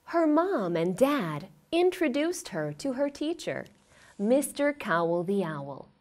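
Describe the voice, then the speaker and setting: A woman's voice: on the high side, sing-song, slow, a little mellow. A young woman reading a picture book aloud as if to a toddler, with simple questions and exaggerated expression. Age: young adult. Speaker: storyteller for children. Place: indoor studio with plain backdrop.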